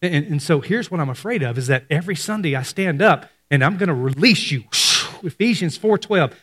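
Conversational preacher in a reverberant hall. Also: male voice, fairly high pitch, lively intonation, a little fast. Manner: conversational preaching, acts out quoted voices, drops to hushed emphasis. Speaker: pastor. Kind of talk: sermon.

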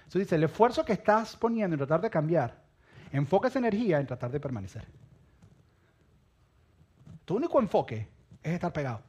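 A man preaching a sermon, emphatic, repeating phrases and dropping low and quiet at the ends of lines. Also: big pitch swings, a little fast, pauses often, slightly rough.

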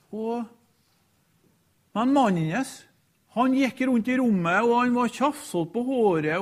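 High-voiced hesitant male preacher. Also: darkish tone. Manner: halting storyteller, frequent hesitations, repeated quote tags. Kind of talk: sermon with a retold deathbed story.

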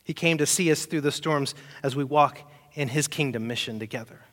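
Male pastor, fairly high voice, preaching from the pulpit; loud emphatic peaks and hushed asides, rhetorical questions to the church. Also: fairly quick, in a large hall. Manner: swings between loud emphatic peaks and quiet, soft asides; asks the congregation rhetorical questions. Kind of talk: sermon.

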